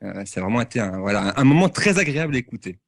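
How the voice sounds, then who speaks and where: A man giving a casual, halting review with many fillers. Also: medium pitch, big pitch swings, creaky, crowd noise.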